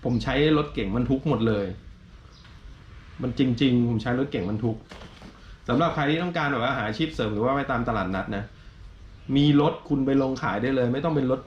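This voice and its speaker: A man's voice: mid-range voice, brisk, pauses often, slight background noise. A middle-aged man, a shoe seller, giving blunt, coarse advice in casual chat. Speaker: second-hand shoe seller and co-host. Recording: roomy, slightly dull sound.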